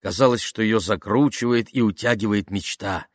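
Male narrator, lowish voice, dry close recording, calm reading. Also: normal speed, no room sound. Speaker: audiobook narrator. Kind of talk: scripted narration.

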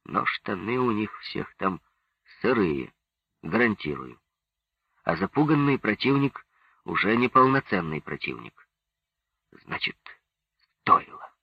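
A man voicing a calm, self-reproaching Soviet commander in a storybook reading, speaking low, quiet and restrained. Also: slow, creaky, long pauses, husky, no room sound, exaggerated voice. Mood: wry. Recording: dull lo-fi dry recording.

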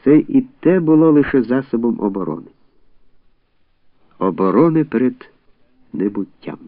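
A man giving measured literary audiobook narration. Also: medium pitch, very animated, dry recording. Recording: tinny dry phone-like audio.

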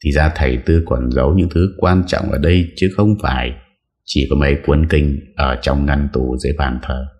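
A male audiobook narrator tells the story in a steady, even manner. His voice sits extremely deep. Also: moderate pace. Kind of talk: scripted narration.

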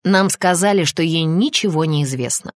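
Woman narrator as a brisk sardonic lady chief inspector, low voice, dry sound. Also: dry recording, close to an everyday voice. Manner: brisk, wry.

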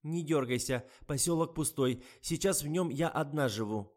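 Man voicing a shrill, bullying old blackmailer woman. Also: lightly acted. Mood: shrill accusing. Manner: shouting, accusing, drawn-out. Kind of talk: audiobook reading.

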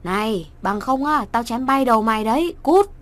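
A woman voicing an angry middle-aged father who shouts threats. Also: on the high side, expressive, normal speed, lightly acted. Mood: furious.

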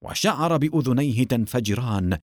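A man narrating an audiobook novel in an expressive storytelling manner. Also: medium pitch, normal speed, no echo, studio quality.

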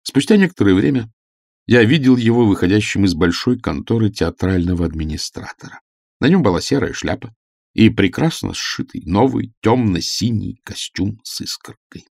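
A man narrating a humorous story as an audiobook, reading in an expressive literary manner. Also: lowish voice, vocal fry, no room sound, studio quality.

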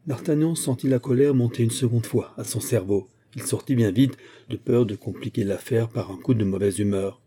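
A man narrating a classic novel as an audiobook in a measured, even storytelling manner. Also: mid-range voice, breathy edge.

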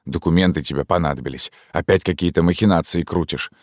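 A man's voice: sits low, fast talker, no echo, studio quality. A man voicing an aging stepfather, a touchy retired officer who complains and scolds. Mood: scolding. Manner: plaintive, scolding.

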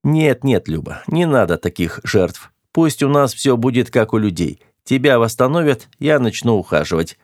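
A man reading an audiobook, voicing a sly, lazy male spaceman who whines and fakes being ill, slower and lower than his narration. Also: sing-song, a little mellow, no room sound, clean studio sound. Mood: whiny. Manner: whiny, put-upon and sly.

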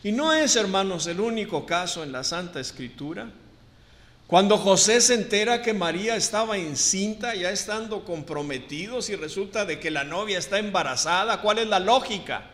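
Man, preacher, high voice, emphatic and deliberate, long hall echo. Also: expressive, fairly bright tone. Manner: emphatic, slows down on key words, addresses the congregation as brothers. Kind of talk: sermon.

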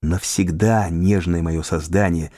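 A man reading an audiobook, voicing an earnest young man in love in a low, heartfelt way. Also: steady tone, unhurried, mellow, no room sound, studio quality.

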